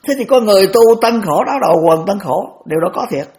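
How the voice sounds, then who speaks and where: A man's voice: high voice, expressive, fast, darkish tone. A man in his eighties, a Buddhist monk giving a dharma talk, repeating phrases and restarting often with homely examples. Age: 80s.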